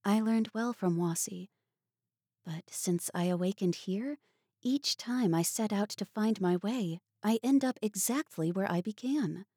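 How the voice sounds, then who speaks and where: A woman's voice: mid-range voice, unhurried, dark tone, dry recording, clean studio sound, pitched above the performer's own voice. A woman voicing a proud, earnest young woman who speaks wistfully.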